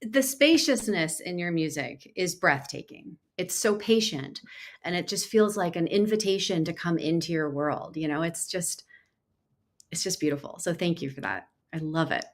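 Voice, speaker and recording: A woman hosting a livestream interview over a video call, effusive and excitable in her praise. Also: fairly low pitch, moderate pace. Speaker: host and music mentor.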